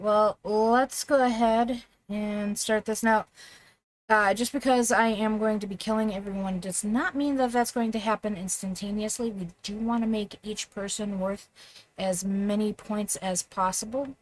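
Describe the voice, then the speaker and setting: A woman's voice: mid-range voice, a little mellow, slight background noise. A woman chatting casually to viewers on a live game stream, self-deprecating and full of fillers.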